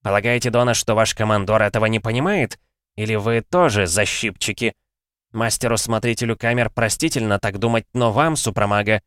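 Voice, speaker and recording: A man voicing the stern male commander of a magic order, cold and quietly authoritative. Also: on the low side, fairly even intonation, fairly quick, clear, resonant tone, dry recording, clean studio sound, voice pushed up, lightly acted.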